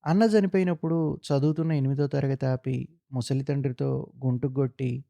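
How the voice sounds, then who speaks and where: A man reading a literary short story aloud in a measured, solemn narration. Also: medium pitch, fairly even intonation, vocal fry, mellow, no room sound, muffled recording.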